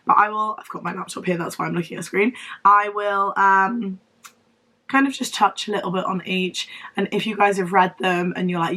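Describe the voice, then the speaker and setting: A woman's voice: medium pitch, fairly bright tone. Young woman, southern English accent, wheezy strained sick voice, chatty book vlogger, rambling, apologetic. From Devon, England. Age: young adult. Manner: rambling, self-deprecating, apologetic. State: unwell, losing voice. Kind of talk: casual chatty vlog to camera.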